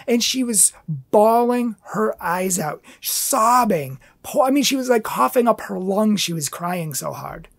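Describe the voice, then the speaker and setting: A man's voice: high-pitched, vocal fry. A man giving an earnest, impassioned inspirational talk, telling a personal story as a pro-life speaker.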